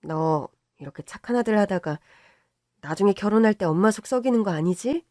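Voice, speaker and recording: A woman's voice: medium pitch, expressive, a little fast, dark tone, no room sound, natural voice. Middle-aged mother read by a voice actor, doting, stubborn, self-effacing, dry audio. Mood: teasing.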